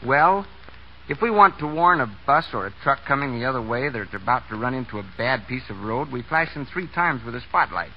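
On a scripted radio interview from the 1930s, an American man who drives a bus talks in a plain, folksy way. His mid-range voice is animated and brisk, and the recording is dull and full of noise.

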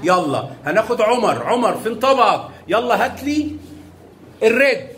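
Egyptian male primary teacher, fairly high voice, coaxing and full of praise, echoey classroom with faint noise. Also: very animated, moderate pace, a bit bright. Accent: Egyptian Arabic. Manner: coaxing, showers children with praise and pet names. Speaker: primary school math teacher. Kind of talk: classroom teaching with young children.

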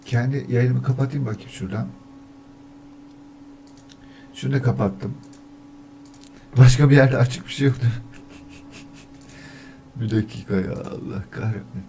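A man's voice: medium pitch, fairly even intonation, measured pace, long pauses, warm tone, a little hiss or hum. Chatty, annoyed male streamer. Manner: chatty, testing his mic by counting weekdays and reading chat; easily annoyed, grumbling about echo. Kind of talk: casual livestream chat.

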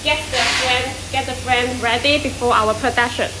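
A woman's voice: fairly high pitch, steady tone, moderate pace. A young woman, a sales manager, walking a viewer through a factory workshop, talking with frequent fillers and restarts. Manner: hesitant, many fillers and restarts. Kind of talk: walking factory tour presentation. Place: large indoor factory workshop. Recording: echoey workshop, distant mic, loud background hum.

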